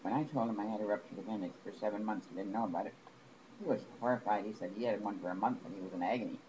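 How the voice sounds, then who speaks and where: An aggrieved man pours out a rambling personal complaint in a lowish voice, stopping and restarting mid-thought. The recording carries a clear layer of background noise. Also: racing. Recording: noisy home recording.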